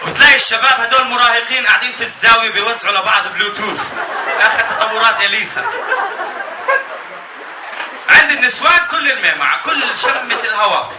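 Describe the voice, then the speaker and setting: High-pitched Jordanian man, escalating comedy rant. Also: lively intonation, fast, long pauses. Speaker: stand-up comedian. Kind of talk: stand-up comedy about weddings. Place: live comedy show before an audience. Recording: echoey live venue, distant, noisy laughing crowd.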